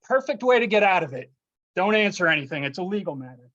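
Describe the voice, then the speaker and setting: A man's voice: high-pitched, big pitch swings, fast, a bit bright. A man speaking at public comment during a council meeting, confronting officials in an accusing tone over a remote call whose audio keeps breaking up. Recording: dull lo-fi remote call line.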